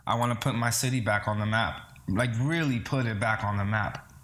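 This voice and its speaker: A singer-songwriter from the Bronx, New York City, who spent early childhood in the Dominican Republic, talks as an interview guest. His lowish, slightly bright voice moves fairly quickly, casual and earnest, with hesitations and repeated words.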